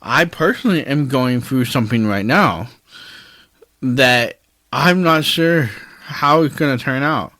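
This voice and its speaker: A man's voice: mid-range voice, lively intonation, unhurried, bright, forceful tone, dry recording. Earnest man sharing faith reflections. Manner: earnest, openly emotional, preacher-like. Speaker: podcast host. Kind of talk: faith-based personal reflection.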